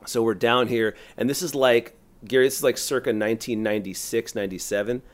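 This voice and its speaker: A middle-aged man, a youth pastor, telling a long story on a podcast in a rambling, animated way full of "like". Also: mid-range voice, brisk. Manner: animated, rambling, heavy use of "like".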